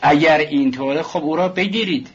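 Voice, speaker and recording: A man voicing a brooding, tense young male student who taunts and mocks, with a husky voice in a dull lo-fi recording. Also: fairly high pitch, voice pushed up. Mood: taunting. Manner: taunting, mocking.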